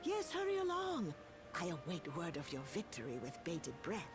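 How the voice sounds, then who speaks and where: A woman playing a gentle elderly nursemaid in a video game, speaking in a measured, formal and tender way. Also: on the low side, wildly swooping pitch. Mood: tender, encouraging. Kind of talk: video game cutscene acting. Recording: loud game music behind the voice.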